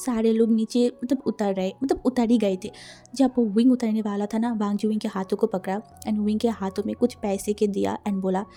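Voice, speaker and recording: A woman's voice: mid-range voice, steady tone, fairly quick, warm tone, faint music behind. A woman casually retelling a fan fiction story, mixing in English words and acting out the dialogue.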